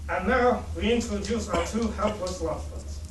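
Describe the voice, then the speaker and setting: Commanding panto narrator , male actor, smug, high-pitched, far-off mic with noticeable noise. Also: normal speed, lightly acted. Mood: self-satisfied. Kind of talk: amateur pantomime stage acting. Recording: echoey hall, far mic, background noise.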